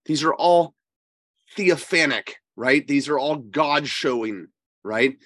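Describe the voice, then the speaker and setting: The recording is clean studio sound, dry, with this priest's voice a little high and fairly bright. Slightly wheezy and congested from a cold, the co-host gives emphatic, halting, conversational religious teaching.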